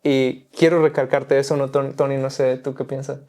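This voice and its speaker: Mellow-voiced man preaching earnestly. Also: mid-range voice, flat delivery, moderate pace. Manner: earnest, exhorting, repetitive phrasing. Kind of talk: preaching in conversation.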